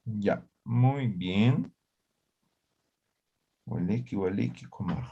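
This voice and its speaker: A man's voice: on the low side, extremely slow, creaky, dark tone, slightly rough, muffled recording. A man teaching an online language class, explaining grammar step by step and often checking that students follow. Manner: explanatory, checks understanding with frequent "¿ya?" and "¿no ve?".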